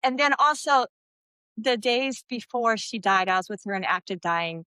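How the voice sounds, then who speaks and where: A middle-aged woman from the US West Coast, a podcast guest telling a heartfelt personal faith story and slowing down for emphasis. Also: on the high side, lively intonation, sharp tone, clean tone, dry recording. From Santa Barbara, US.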